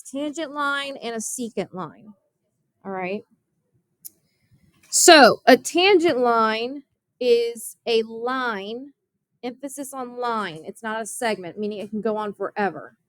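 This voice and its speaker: A woman's voice: a little high, expressive, slow pace, a bit bright, dry recording. A young woman math teacher giving a classroom geometry lesson, explaining step by step and often asking her students questions.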